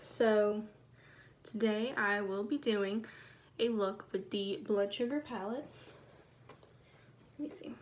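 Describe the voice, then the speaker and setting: Faint background noise, phone recording, soft quiet-spoken woman, mid-pitched, casual beauty tutorial chat. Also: slow pace, long pauses. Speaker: beauty vlogger.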